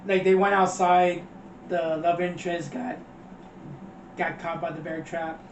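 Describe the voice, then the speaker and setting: Male co-host, high-pitched, chatty scene recaps with laughs, roomy distant lo-fi sound. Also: little pitch movement, a little slow. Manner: loose, laughing retelling with quoted voices. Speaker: podcast co-host. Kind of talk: casual movie review chat. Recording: dull, far-off roomy mic with faint noise.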